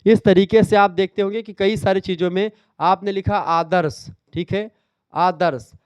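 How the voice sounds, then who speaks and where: High, clear-voiced man teaching a lesson. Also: fairly even intonation, moderate pace, no echo, clean studio sound. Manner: explains step by step, repeating key terms and quizzing students. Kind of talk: exam revision lecture.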